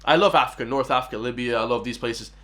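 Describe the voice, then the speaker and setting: This is an Irish man reacting to a clip, talking quickly and emphatically as he hosts his channel. His pitch sits in an ordinary middle range, and he keeps turning to his viewers to press his point. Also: fairly bright tone. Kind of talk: casual reaction commentary.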